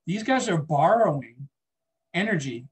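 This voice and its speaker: A man's voice: a little high, expressive, unhurried. A man teaching a biology lecture in a classroom, chatting with the class and asking students questions. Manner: conversational, asks the class questions.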